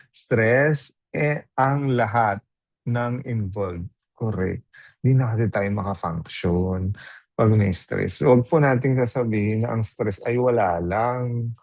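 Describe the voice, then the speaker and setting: A webinar trainer with a mid-range voice leads a live online training on a dry recording. He chats casually, mixes Tagalog and English, and puts questions to the audience.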